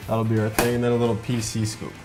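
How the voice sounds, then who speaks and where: A man's voice: on the low side, monotone, quick pace. A man from Minnesota hosting a casual cooking demonstration, talking viewers through each step in an upbeat, chatty way. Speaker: cooking show host. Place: garage kitchen. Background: faint background music and frying.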